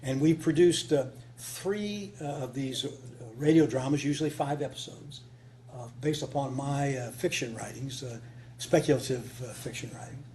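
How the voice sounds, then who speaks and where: A conference speaker known for writing radio dramas chats informally and without a script to a small group in a meeting room, repeating phrases for emphasis in a folksy way. His mellow voice sits at medium pitch and normal speed, and the live recording has clear hum and noise.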